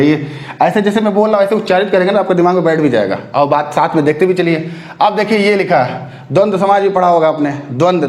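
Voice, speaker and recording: A man teaching an exam-prep spelling lesson, drawing words out slowly and often asking if students follow. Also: on the high side, reverberant. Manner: repeats words slowly to drill pronunciation; keeps checking if students follow.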